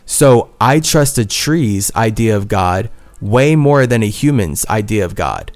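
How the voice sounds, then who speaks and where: A man's voice: fairly low pitch, lively intonation, unhurried, a little mellow, soft background music. A man hosting a solo podcast monologue, talking in an earnest, intense way and repeating his phrases. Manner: earnest and intense, swings between heated and tender, repeats phrases. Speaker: podcast host.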